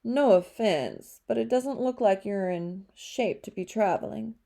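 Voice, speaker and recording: A woman voicing a calm, strong man with a Spanish accent in an audiobook, speaking slowly and firmly. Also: medium pitch, creaky.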